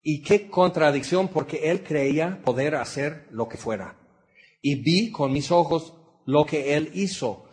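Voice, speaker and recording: A man preaching a sermon with a Mexican accent. He speaks with emphasis, moves between raised and hushed delivery, and puts rhetorical questions straight to his listeners. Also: a little high, a little slow.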